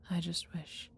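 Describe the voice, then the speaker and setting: In a fantasy audio roleplay, a woman voices an enormous, proud, protective female dragon. Her delivery is breathy and husky, her phrasing tender, formal and theatrical, with a wistful mood.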